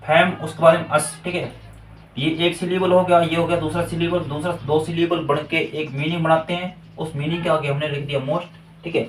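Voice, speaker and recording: A man's voice: a little high, little pitch movement, fairly quick, slight background noise. A man teaching a grammar lesson to a class, explaining step by step and often checking with "okay". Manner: explains step by step, repeats "ठीक है". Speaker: English teacher. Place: classroom with students present. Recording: echoey room, voice from far off.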